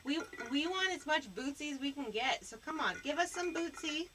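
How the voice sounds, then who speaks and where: A woman's voice: high voice, animated, moderate pace, heavy background noise. A woman hosting a live stream, teasing her guest and rambling with fillers in casual banter. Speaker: stream host.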